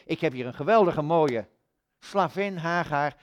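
A man's voice: on the high side, animated, measured pace, dull audio. A man voicing an elderly wife in a retold story, chatty and persuasive.

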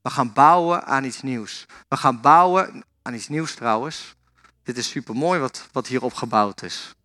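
Bright-voiced man preaching a sermon. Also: mid-range voice, unhurried. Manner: storytelling, addresses the audience directly.

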